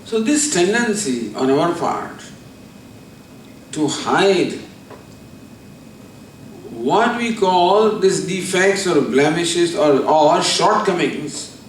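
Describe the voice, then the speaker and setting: A man's voice: a little high, lively intonation, a little hiss or hum. Man lecturing on scripture, roomy. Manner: deliberate, explaining with everyday examples. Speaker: spiritual teacher. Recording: roomy, distant mic.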